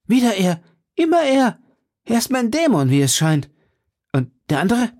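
A man voicing a hot-tempered young swordsman of twenty, speaking urgently and with agitation in a raised, gravelly voice. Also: mid-range voice, lively intonation, moderate pace, dark tone. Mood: agitated.

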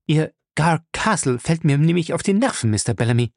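A man reading aloud and voicing a frightened but sharp-tongued young wife in a raised, agitated voice. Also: a little high, expressive, a little fast, creaky, no echo, clean studio sound, voice pushed up. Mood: frightened defiant.

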